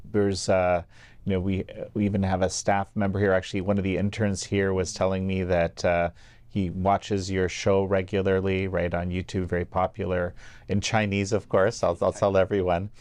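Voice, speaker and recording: A man hosting an interview who asks questions in a relaxed, conversational way. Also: low-pitched, moderate pace, dry recording. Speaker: interviewer, host.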